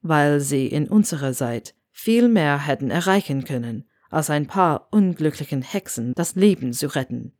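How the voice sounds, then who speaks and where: A woman voicing a stern, cold male professor with a low, clipped, hissing delivery, in a storybook reading. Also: animated, moderate pace, few pauses, darkish tone, no room sound, studio quality.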